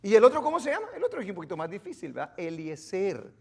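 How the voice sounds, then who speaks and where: A man's voice: high voice, huge pitch swings, fast talker, vocal fry, husky. A male pastor giving an interactive Bible teaching in a church, quizzing the congregation and joking as he goes.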